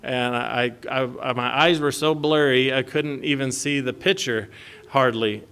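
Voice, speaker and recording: A man's voice: medium pitch, steady tone, a little slow, fairly bright tone, clear, resonant tone. A man giving a conversational, folksy sermon, reading scripture aloud and chuckling between points. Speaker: preacher.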